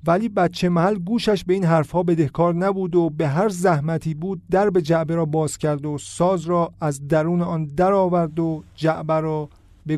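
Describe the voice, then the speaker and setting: A man reading a story aloud as the narrator, in a measured storytelling manner. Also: a little high, mellow, no echo, clean studio sound. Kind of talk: audiobook narration.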